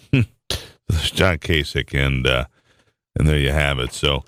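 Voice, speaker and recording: A man's voice: a bass voice, slow, a bit bright, a little hiss or hum. A man hosting a talk radio show, running through the day's news in a conversational way with dry, wry asides.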